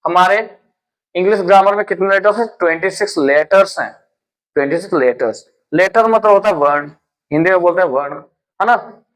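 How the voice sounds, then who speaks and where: A man's voice: high-pitched, a little fast, a bit bright, poor audio. A man giving a classroom lecture as an English teacher, chatty, often repeating his questions back to the class.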